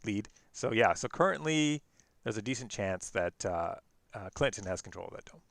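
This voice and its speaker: A man giving casual play-by-play commentary on a card game, relaxed and quick to laugh. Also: on the low side, vocal fry, dry recording. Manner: relaxed, laughs easily, self-correcting.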